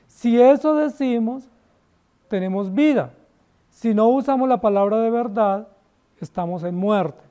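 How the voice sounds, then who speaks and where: A Colombian man preaches in a church, his voice pitched high yet soft and dark in tone. He is emphatic and keeps turning to the congregation with rhetorical questions. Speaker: pastor. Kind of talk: sermon.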